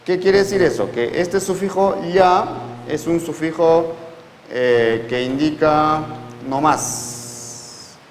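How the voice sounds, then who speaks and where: A man teaching a language class in a slow, patient way, repeating words and checking that students follow. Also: fairly high pitch, big-room sound, a little hiss or hum, rough recording. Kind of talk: classroom lecture.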